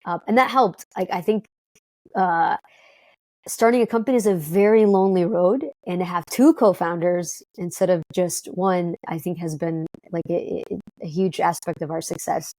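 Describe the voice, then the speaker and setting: Woman guest, lowish voice, dry close sound, chatty and upbeat. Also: a little mellow, no echo. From Detroit, United States. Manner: upbeat, fast-talking, frequent fillers and restarts. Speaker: guest, company co-founder. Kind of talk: conversational interview.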